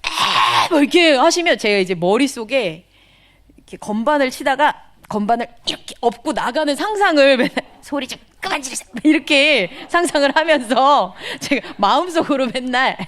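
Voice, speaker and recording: A woman missionary giving a testimony sermon in a conversational, animated storytelling manner, sometimes dropping to whispered asides. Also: high voice, normal speed. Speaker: missionary speaker.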